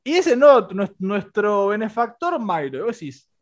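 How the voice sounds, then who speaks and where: A young man with a Rioplatense accent, co-hosting a casual film review podcast in an animated, joking way. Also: a little slow. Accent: Rioplatense Spanish. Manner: animated, joking, voice swings high and low. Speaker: podcast co-host.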